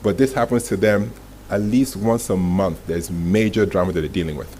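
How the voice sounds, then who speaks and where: Deep and warm, at a moderate pace, this masterclass speaker and communications executive addresses a live crowd with motivational stories. His delivery is emphatic, built from brief dramatic phrases and rhetorical questions, and the room recording is plainly noisy.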